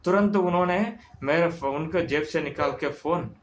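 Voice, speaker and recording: A man telling a story in the first person, halting, with restarts and English words mixed in. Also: fairly high pitch.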